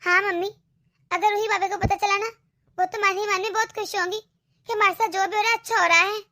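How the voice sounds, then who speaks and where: Woman doing a whiny young cartoon girl, very high pitched, bright. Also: fairly even intonation, fairly quick. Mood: complaining. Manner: whiny, complaining. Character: meek young daughter of the house. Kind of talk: cartoon voice acting.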